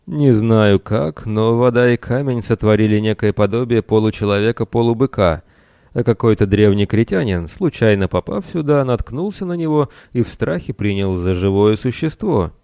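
A man voicing Ciron, a worn-out, excitable pirate who talks eagerly and exclaims a lot. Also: lowish voice, moderate pace, clean tone, no echo, studio quality, close to an everyday voice. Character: weary male pirate, excitable and warm-hearted.

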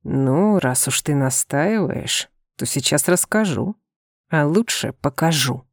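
Brief: a flirtatious alien man with a tail for an audiobook, low gravelly voice, soft and teasing, read by a woman. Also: lively intonation, takes it slowly, dry recording, studio quality, full character voice. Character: playful seductive male alien with a tail.

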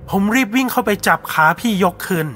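A man narrating a ghost story in a steady, measured way. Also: soft background music.

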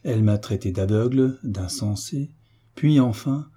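A man's voice: lowish voice, a little slow, mellow, husky. A man reading as a troubled young duke. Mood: earnest. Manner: hesitant, earnest.

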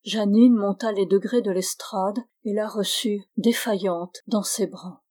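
Woman, audiobook reader, measured, expressive, mid pitch. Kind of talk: novel reading.

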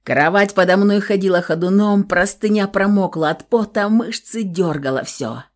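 A woman narrating a first-person audiobook in an even, measured reading. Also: mid-range voice.

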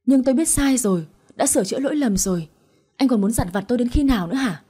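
A woman voicing a guilt-ridden young wife who pleads tearfully, in a slightly husky voice. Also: on the high side, lively intonation, fast, warm tone. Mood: desperate.

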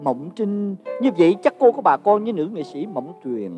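A man with a Southern Vietnamese accent playing a fast-talking schemer who poses as a doctor in a comedy sketch. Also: high-pitched, big pitch swings, over music. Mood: smooth-talking. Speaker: comic actor.

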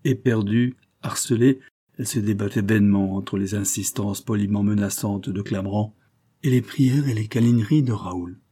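A man narrating a classic novel as an audiobook in a measured, dramatic way. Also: lowish voice, mellow, breathy edge.

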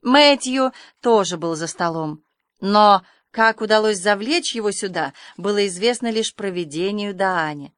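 A woman's voice: medium pitch, animated, moderate pace, a bit bright, no room sound. Woman narrating a storybook, dry close sound. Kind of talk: audiobook narration.

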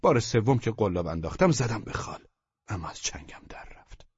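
A deep-voiced man reads a literary novel in a calm, measured storyteller's delivery that often drops to a soft near-whisper. His tone is husky, and the recording is dry, dull and lo-fi. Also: dry recording. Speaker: audiobook narrator. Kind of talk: scripted literary narration.

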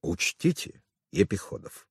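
A man's voice: a little high, huge pitch swings, measured pace, darkish tone, dry recording, clean studio sound, voice pushed up. An audiobook reader voicing a stern older male hospital chief, formal and authoritative. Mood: menacing.

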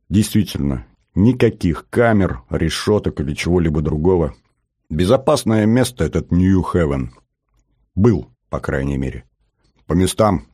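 A man narrating an audiobook in the first person, steady and measured, on a close mic. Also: deep voice, no echo.

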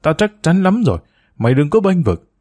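A man's voice: a little high, very animated, fairly quick, darkish tone, pitched above the performer's own voice. A man voicing a grieving, jealous middle-aged mother who scolds with bitter resentment in a storybook reading. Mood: bitter, tearful.

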